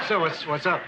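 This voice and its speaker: An actor playing a dry, put-upon innkeeper and author in a 1980s sitcom, deadpan and hesitant with stammered restarts. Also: male voice, on the high side. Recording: noisy old TV sitcom audio.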